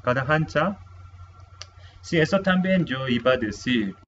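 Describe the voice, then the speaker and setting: A man's voice: mid-range voice, animated, fairly bright tone, slight background noise. Korean man teaching in Spanish, lo-fi. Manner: halting, repeats words, asks "¿sí?" often. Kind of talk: language lesson.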